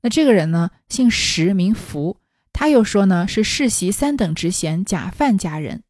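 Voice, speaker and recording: A woman's voice: medium pitch, animated, moderate pace, darkish tone, no room sound, studio quality. A woman reading a classic novel aloud and explaining it in conversational asides. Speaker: storyteller.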